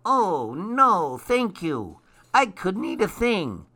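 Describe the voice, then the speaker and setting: A man voicing an excitable little storybook elf, earnest and protective, full of exclamations. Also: high voice, takes it slowly, voice pushed up, exaggerated voice. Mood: excited news.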